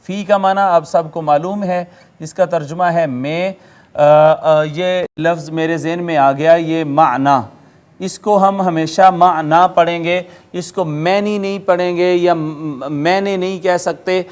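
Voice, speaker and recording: A man's voice: on the high side, steady tone, darkish tone, clear, resonant tone. A man with a Pakistani Urdu accent teaching Quranic Arabic grammar, explaining word by word with patient repetition. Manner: patient, methodical, spells out words and repeats meanings; chants Quranic words slowly in a drawn-out recitation tone. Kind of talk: classroom-style recorded lecture.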